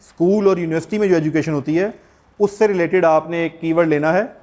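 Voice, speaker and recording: High-voiced Pakistani man teaching a class. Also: brisk, darkish tone. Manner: explains step by step, asks the class questions. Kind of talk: classroom lecture.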